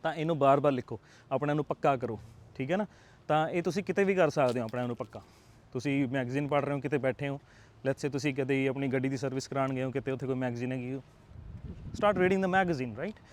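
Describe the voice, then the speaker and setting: A man's voice: mid-range voice, fast talker. A young man with a Punjabi accent, an IELTS tutor giving earnest, coaxing advice to camera. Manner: earnest, coaxing, checks in with rhetorical tags. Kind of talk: motivational talk to camera.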